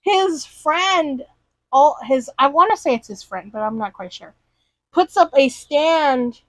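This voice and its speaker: A woman's voice: sits high, lively intonation, slow pace, a bit bright, no room sound, poor audio. A woman in casual chat, animatedly retelling a cartoon and acting out the characters' lines. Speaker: podcast co-host.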